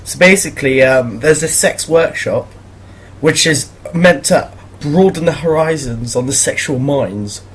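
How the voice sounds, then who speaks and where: Teen male vlogger, husky, slightly high voice, loose rambling storyteller. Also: measured pace, a bit bright. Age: teens. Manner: rambling, laughing, awkward. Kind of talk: casual storytelling commentary.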